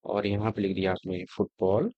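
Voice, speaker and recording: A man teaching a screen-recorded coding lesson, talking step by step in a relaxed, conversational way as he types and shows results. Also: lowish voice, moderate pace, no echo, highs cut off. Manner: conversational, explaining step by step while typing. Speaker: coding tutor.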